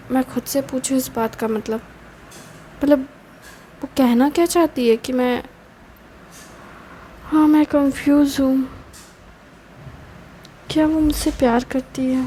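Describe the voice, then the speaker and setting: Storybook hero, a brooding young man who mutters his doubts aloud and turns curt with friends, voiced by a woman in a high register. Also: warm tone, slight background noise, rough recording. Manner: muttering to himself, then curt and cold.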